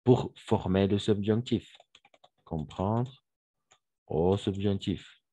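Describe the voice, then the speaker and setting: A man's voice: fairly low pitch, slow, dark tone, breathy edge, no echo. A man teaching a French grammar lesson online, patiently repeating verb forms and praising his students.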